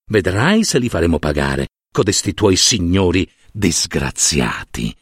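A man's voice: low voice, very animated, unhurried, slightly rough, dry recording, voice pushed down, heavily acted. A man voicing a sanctimonious, greedy old monsignor who fusses, preaches and wheedles. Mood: coaxing. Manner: fussy, wheedling, preachy, with soft asides. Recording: dry close studio sound.

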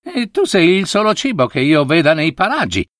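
A man's voice: on the high side, sing-song, normal speed, fairly bright tone, no room sound, studio quality, voice pushed up. A man voicing a sly, hungry male leopard in a fable, jeering and scornful. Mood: mocking. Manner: jeering, laughing between threats.

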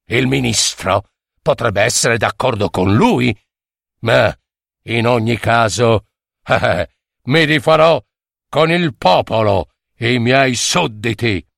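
A man's voice: medium pitch, animated, slow, gravelly, a bit bright, no room sound, clean studio sound, pitched below the performer's own voice, heavily acted. A man voicing a short-tempered old king who bellows his orders. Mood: scheming.

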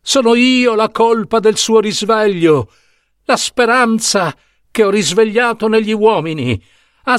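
A man's voice: fairly bright tone, no echo, clean studio sound. A man voicing a young goddess of hope, desperate and stubborn, crying out in a raised voice. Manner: high, pleading cries.

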